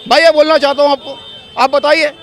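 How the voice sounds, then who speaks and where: Stopped on a city street, a local voter argues his political position and fires off one rhetorical question after another. His voice is extremely high and fairly bright, with fairly even intonation and a fairly quick pace.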